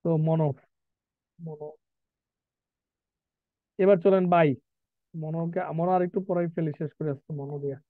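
High-voiced male teacher on a tinny line. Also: fairly even intonation, no room sound. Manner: asks students questions, reads definitions slowly. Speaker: English vocabulary teacher. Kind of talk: live class lecture mixing Bengali and English.

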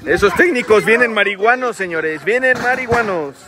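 A man with a Mexican accent giving excited live wrestling commentary, often shouting and drawing out his cries. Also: high voice, normal speed. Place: outdoor wrestling ring in a park. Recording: noisy outdoor crowd recording. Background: loud crowd and outdoor noise.

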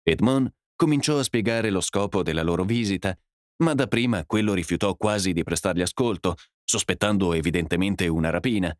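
A man narrating a classic story as an audiobook, in an expressive, measured reading. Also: sits low, no echo, studio quality.

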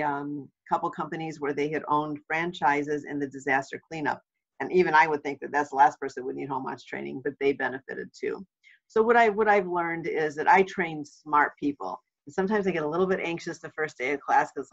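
A woman teaches a webinar on home watch in a chatty, storytelling way, full of lively asides. Her voice comes through dull and lo-fi, like an older recorded session. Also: sits low. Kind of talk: informational webinar talk.

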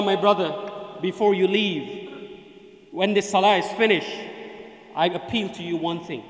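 Middle-aged guy giving a friday sermon, high-ish voice, lots of hall echo. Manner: emphatic, gestures with raised hand, chants Arabic verses. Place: mosque prayer room, indoors. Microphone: desk mic on stand. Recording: echoey hall with long reverb.

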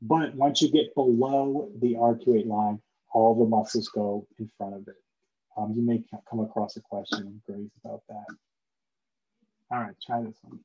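A man's voice: fairly low pitch, steady tone, normal speed, mellow. A man giving an online lecture in a casual explaining manner with lots of fillers, his voice muffled as if heard through a wall. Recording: dull, muffled lo-fi mic sound.

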